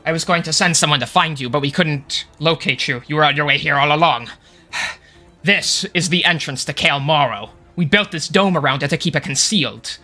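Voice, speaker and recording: Tabletop game role: old goblin scholar played by a man, highish, tense, solemn and urgent, formal wording. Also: fairly quick, pushed and bright, soft background music. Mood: grave, weary. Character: elderly, overstressed goblin headmaster and scholar, male.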